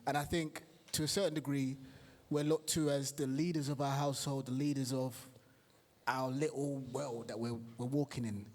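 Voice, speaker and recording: A man's voice: medium pitch, fairly even intonation, normal speed, a little mellow, in a large hall. A man in a faith-based panel discussion who speaks earnestly and presses one rhetorical question after another. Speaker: panel member.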